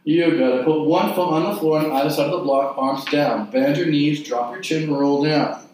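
A man leading an exercise class, giving short, clipped cues and counting repetitions in a measured rhythm. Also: on the high side, fairly even intonation, darkish tone, slight background noise. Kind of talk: guided mat exercise instruction with counted repetitions. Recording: very echoey room, distant mic.

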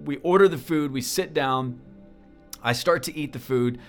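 A man telling a personal story in a talk, earnest and halting, often repeating words as he goes. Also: medium pitch, faint music behind. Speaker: speaker.

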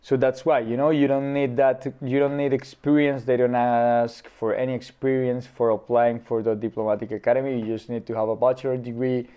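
A man of thirty from Colombia, a guest in a casual interview, talking with many pauses and fillers. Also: medium pitch, level tone, warm tone, clean tone. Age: 30s.

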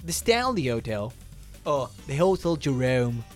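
A woman's voice: rumbling low, slow, faint music behind. A woman with a Rioplatense Spanish accent hosting a casual trivia quiz on a podcast, reading questions with stumbles. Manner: animated, reads questions with stumbles and laughs.

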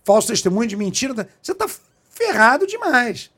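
A man's voice: very high-pitched, sing-song, fairly quick, pushed and bright. A middle-aged man from Brazil, a police chief, telling a story as an interview guest in a profane, emphatic way. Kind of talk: animated storytelling in a podcast interview.

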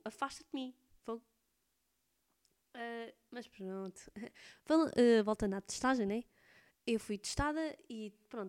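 A woman's voice: on the high side, a little mellow, clear, resonant tone. Chatty young Portuguese woman, slightly congested. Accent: European Portuguese. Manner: rambling, chatty, full of fillers. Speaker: student vlogger. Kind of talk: casual chat to camera.

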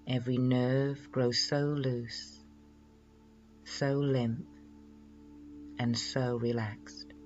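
A man leading a guided relaxation in a slow, soothing hypnotist's manner, measured and full of pauses. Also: medium pitch, darkish tone, dull audio.

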